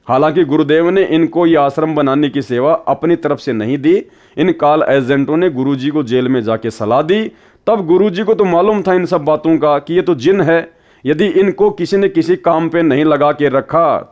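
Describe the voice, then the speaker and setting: A man's voice: fairly high pitch, darkish tone. A man preaching a devotional sermon in an earnest, admonishing way, retelling a parable. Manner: earnest, admonishing, acts out quoted voices in a story.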